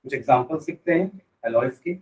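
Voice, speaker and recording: A man's voice: medium pitch, fairly quick, darkish tone, rough recording. A male teacher with an Indian accent dictating notes to a class, repeating phrases and spelling words out. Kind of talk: chemistry class dictation mixed with explanation.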